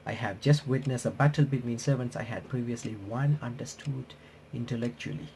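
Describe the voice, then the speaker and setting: A man hosting a game playthrough and reaction channel reads the on-screen text aloud and chats casually, regularly stumbling and self-correcting. He speaks a little fast in a medium pitch, gravelly and darkish, over slight background noise.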